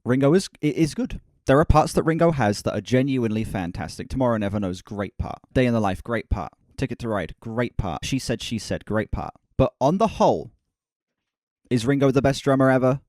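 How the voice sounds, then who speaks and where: A man's voice: medium pitch, a little fast, darkish tone, dry recording, clean studio sound. A man hosting a casual album reaction stream, talking candidly, swearing and correcting himself as he stumbles over words. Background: album music playing faintly.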